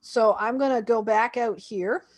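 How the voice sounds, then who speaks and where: A woman's voice: on the high side, unhurried. Woman narrating a website walkthrough. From Canada. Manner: conversational, thinking aloud while clicking. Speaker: homeschool website reviewer. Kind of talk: screen-share website walkthrough.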